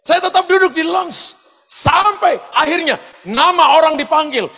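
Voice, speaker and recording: A pastor telling personal stories in a sermon, animated, often shouting out quoted lines and laughing as he goes. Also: extremely high pitch, a little slow. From eastern Indonesia. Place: large church hall. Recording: long hall reverb from church sound system.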